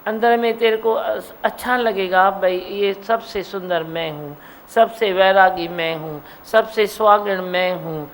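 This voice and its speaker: Slow-speaking woman giving a devotional discourse. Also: mid-range voice, a little hiss or hum, rough recording. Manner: exhorting, repetitive, quotes devotional verses. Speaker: spiritual teacher. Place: satsang hall.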